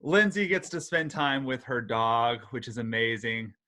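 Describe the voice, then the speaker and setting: A man's voice: medium pitch, animated, measured pace, pushed and bright. A man moderating an online session, casually reading out chat comments with fillers over a video call. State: out of breath. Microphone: computer mic on a video call.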